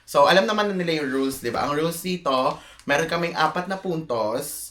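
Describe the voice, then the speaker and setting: Animated, teasing man, bright and lively, in a roomy space. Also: on the high side, slight background noise. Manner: animated, teasing, quick asides. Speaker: co-host explaining the voting rules. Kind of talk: casual chat. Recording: roomy echo.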